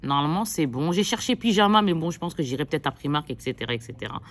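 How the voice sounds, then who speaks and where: Low-pitched, expressive and fast, she's a vlogging mom of several kids doing a relaxed shopping haul. She addresses her viewers head-on and rambles, full of filler words and self-corrections.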